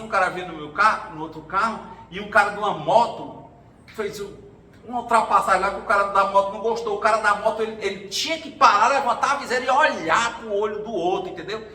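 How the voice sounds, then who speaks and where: A man's voice: sits high, quick pace, sharp tone. A man giving an informal talk at a spiritual gathering, telling stories from his life and acting out the voices of others. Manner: conversational storytelling, acts out quoted voices. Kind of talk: informal talk sharing personal experience. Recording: roomy hall, distant mic, faint noise.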